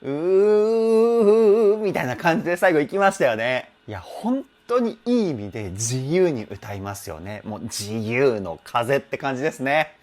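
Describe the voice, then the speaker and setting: A man's voice: medium pitch, big pitch swings, moderate pace, few pauses. Chatty man breaking down singing technique. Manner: chatty, self-deprecating, laughs often, hums and imitates sung phrases. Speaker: vocal trainer. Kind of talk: vocal analysis commentary.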